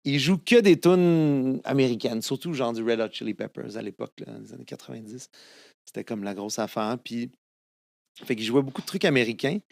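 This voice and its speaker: A mid-range, gravelly, slightly mellow male voice, a little fast, recorded in studio quality with no echo. He's in his fifties, speaks with a Québécois French accent though Italian is his first language, and tells stories as a guest singer-songwriter in a casual interview, full of fillers and restarts.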